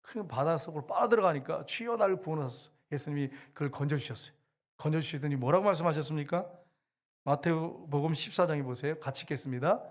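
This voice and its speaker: A man's voice: on the high side, fast talker. A man preaching a sermon as pastor, earnest and emphatic, often acting out the scenes he tells.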